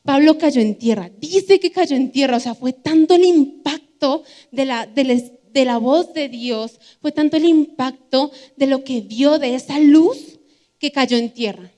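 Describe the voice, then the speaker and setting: Earnest high-voiced woman preaching. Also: a little slow, mellow. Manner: earnest, emphatic, personal testimony. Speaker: youth preacher. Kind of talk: sermon. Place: church stage.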